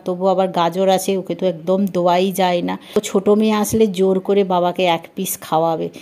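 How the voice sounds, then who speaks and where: A woman's voice: medium pitch, mellow. A middle-aged woman with a Bengali accent chatting through a cooking vlog from her home kitchen, talking to viewers like friends. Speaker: vlogger and housewife. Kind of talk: casual cooking vlog narration.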